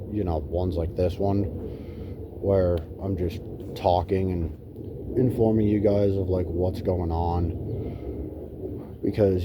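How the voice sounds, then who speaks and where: This man, a gaming YouTuber, rambles casually to viewers and swears offhandedly, all captured on a phone. His voice is deep, and the background is noisy.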